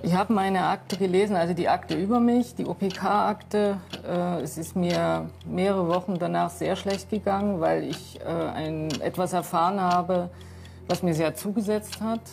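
Female panel guest, low and gravelly, halting and reflective. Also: steady tone, a little mellow, faint music behind. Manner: thoughtful, hesitant, many fillers. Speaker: talk show guest. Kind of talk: studio discussion. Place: TV studio.

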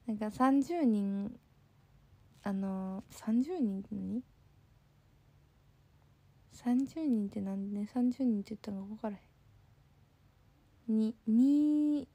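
A woman's voice: fairly high pitch, unhurried, long pauses, mellow, dry recording. Bubbly Kansai woman live-streamer. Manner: bubbly, thanks viewers often. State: sleepy. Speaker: livestream host. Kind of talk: casual live-stream chat reading comments.

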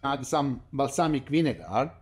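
Demonstrating a recipe in his home kitchen, a middle-aged Italian cooking show host chats casually in non-native English with an Italian accent. He speaks at normal speed in an expressive, husky mid-range voice.

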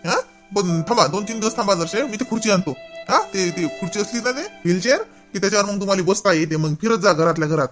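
Loud, scolding young man. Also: high voice, fast, faint music behind. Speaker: comedy sketch actor. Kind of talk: rural comedy sketch.

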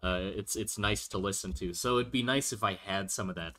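A man with a fairly low, pushed, bright voice speaks a little fast while drawing a fantasy world on a livestream. He thinks out loud and answers viewers' questions casually, restarting his sentences often.

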